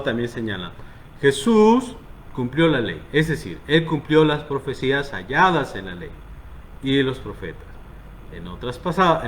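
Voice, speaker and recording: A man's voice: mid-range voice, slight background noise. A man teaching scripture to a congregation, stressing key words and often checking that his listeners follow. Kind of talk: Bible teaching.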